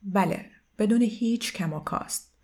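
A woman reading aloud and voicing a calm middle-aged male doctor who speaks in a measured, gently insistent way. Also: mid-range voice, close to an everyday voice. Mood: probing.

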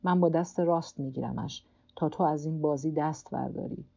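A weary old fisherman alone at sea mutters gruffly to himself and scolds his own stiff hand, as a woman reading the book gives him voice. The tone sits low and mellow, a little louder than the narration, on a slightly dull lo-fi audiobook recording. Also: steady tone. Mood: muttering to himself. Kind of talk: audiobook character voice.

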